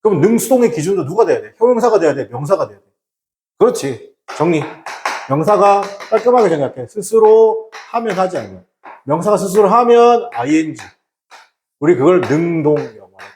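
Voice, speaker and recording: Fairly quick and sing-song, a high-voiced man lectures on English grammar in a recording with a roomy sound and slight background noise. He rattles off rhetorical questions and answers them himself, toggles between casual and polite speech, and acts out shouted warnings for effect.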